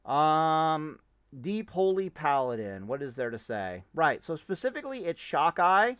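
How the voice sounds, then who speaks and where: A man's voice: on the high side, big pitch swings, normal speed, a bit bright, no room sound, studio quality. A man giving casual, rambling commentary on a game, cursing and interrupting himself as he tests things. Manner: rambling, profane, self-interrupting. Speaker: gaming streamer.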